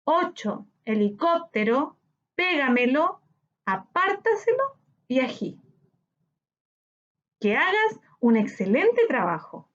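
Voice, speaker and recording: A woman teacher with a Chilean Spanish accent, slowly explaining a grammar lesson to children and stretching words out syllable by syllable. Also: sits high, very animated. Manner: slow, clear, syllable-by-syllable teaching delivery. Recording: slightly dull lo-fi audio.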